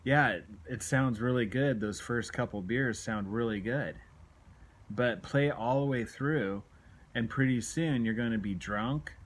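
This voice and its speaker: This self-help video blogger, late forties, speaks at a measured pace in a medium-pitched voice, frank and earnest as he exhorts and confesses, repeating points to drive them home. He records indoors in a small home room with a phone held at arm's length.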